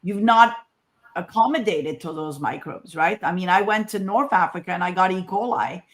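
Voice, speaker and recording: A Moroccan woman, a scientist giving a conference talk, speaks informally, emphatically and conversationally, often posing rhetorical questions. Her voice is lowish and her pace moderate.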